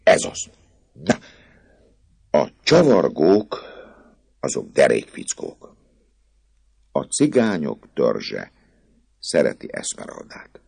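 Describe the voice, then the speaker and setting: A man voicing a nervous, boastful male poet who talks in a rapid, fussy patter. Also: very deep voice, wildly swooping pitch, gravelly, darkish tone, slightly rough, no echo, voice pushed up, full character voice. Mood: chattering, scheming.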